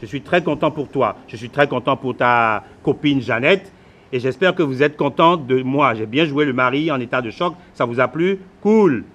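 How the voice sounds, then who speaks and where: An actor playing a boastful, hurried Beninese husband with a Beninese French accent who drops English words into his French. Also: mid-range voice, fairly bright tone, highs cut off, lightly acted. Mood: irritated. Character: flashy busy Beninese husband, phone-obsessed, self-assured. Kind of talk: theatrical monologue.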